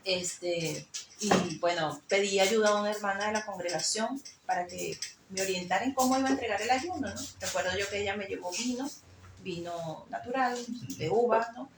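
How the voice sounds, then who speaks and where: A woman's voice: mid-range voice, normal speed, background noise. A woman sharing an emotional personal faith testimony, telling her story with many fillers. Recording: echoey room with faint ambience.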